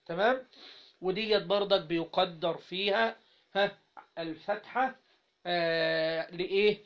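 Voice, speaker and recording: A high-voiced man with an Egyptian Arabic accent instructs a class in Arabic grammar. He asks the students questions again and again and enunciates syllables slowly, and the recording is dull and lo-fi.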